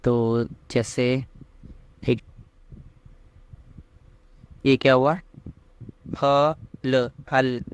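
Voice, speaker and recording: Male tutor, measured and even, clear tone, quizzes himself as he teaches. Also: medium pitch. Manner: patient, asks and answers himself. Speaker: language teacher. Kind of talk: slow step-by-step script lesson.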